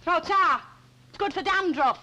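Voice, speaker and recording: An actress playing a cheeky, flirtatious Northern English housewife in a 1960s British TV soap, teasing and chummy. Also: female voice, very high voice, measured pace. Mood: brisk, puzzled. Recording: noisy 1960s TV soundtrack, clicks.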